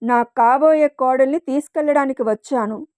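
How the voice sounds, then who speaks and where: A woman's voice: high voice, normal speed, a little mellow, clear, resonant tone, no echo, clean studio sound, close to an everyday voice. A woman voicing a proud, arrogant wealthy mother in a storybook reading, talking down to everyone. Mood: haughty. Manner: haughty, arrogant.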